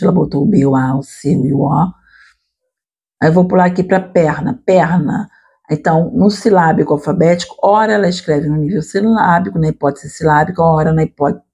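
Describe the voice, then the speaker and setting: A woman teacher walks her listeners through an explanation, often stopping to check they follow. Her voice is mellow and soft, with a slight husky edge. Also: low-pitched. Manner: explanatory, addresses listeners directly with frequent "tá?" and "né?". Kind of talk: explanatory lecture.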